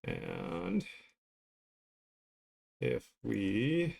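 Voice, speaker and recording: This man's voice is mid-range, gravelly, husky and a little mellow, with huge swings in pitch and a very slow pace. He's a streamer and illustrator doing casual livestream chat as he draws, musing aloud with playful self-deprecation.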